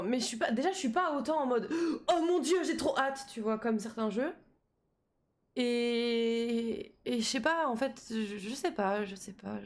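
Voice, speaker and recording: A young woman talks loosely to her chat while she plays. She rambles with lots of slang and fillers, and her voice sits on the higher side. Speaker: streamer. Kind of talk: casual live-stream chat while gaming.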